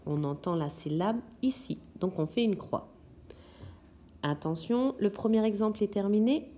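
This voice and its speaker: A woman's voice: medium pitch, normal speed, dark tone, slight background noise. A woman teaching young children in a recorded lesson, patiently sounding out words syllable by syllable. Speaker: kindergarten teacher.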